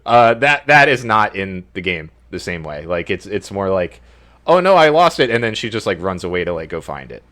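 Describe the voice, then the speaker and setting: A man co-hosting a gaming podcast, rambling and swearing freely as he makes his points. His voice sits a bit low. He talks casually and with energy. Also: normal speed, hardly any pauses. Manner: animated, profane, rambling. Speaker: podcast co-host.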